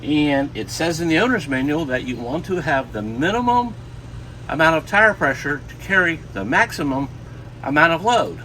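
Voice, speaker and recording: A man's voice: fairly high pitch, lively intonation, normal speed, pushed and bright, a little hiss or hum, rough recording. A man in his sixties speaking outdoors a few feet from the camera, casually explaining camper care in a folksy way. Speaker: RV camping vlogger. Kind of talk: casual instructional vlog. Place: outdoors beside a parked camper.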